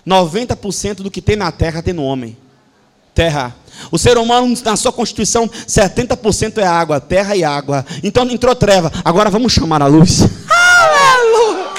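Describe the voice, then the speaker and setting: A Brazilian pastor with a notably high voice preaches at a church service. He hammers his points through repetition and swings between hushed asides and shouted declarations. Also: animated, fairly quick, slight background noise. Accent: Brazilian Portuguese. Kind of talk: sermon.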